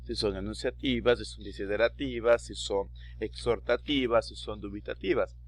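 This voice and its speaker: A male teacher with an Ecuadorian Spanish accent, giving a recorded distance-school language lesson, explaining slowly, repeating key terms and asking rhetorical questions. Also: on the low side.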